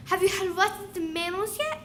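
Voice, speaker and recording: A woman's voice: extremely high pitch, expressive, fairly quick, sharp tone, a little hiss or hum, exaggerated voice. A woman playing a scatterbrained, haughty fairytale queen in a children's play, fussy and imperious as she questions. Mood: scolding.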